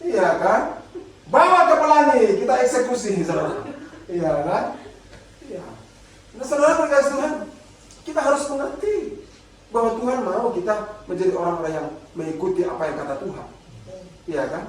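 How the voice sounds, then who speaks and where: High-voiced Indonesian preacher in echoey hall. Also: male voice, animated, moderate pace, long pauses, slight background noise. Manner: humorous, acts out little dialogues. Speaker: pastor. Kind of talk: sermon. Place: church hall. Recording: very echoey church hall, distant mic.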